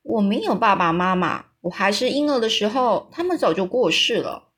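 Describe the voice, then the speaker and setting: A woman's voice: mid-range voice, animated, normal speed, background noise, natural voice. A woman voicing a young orphan girl who speaks frankly and earnestly. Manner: plain-spoken, earnest.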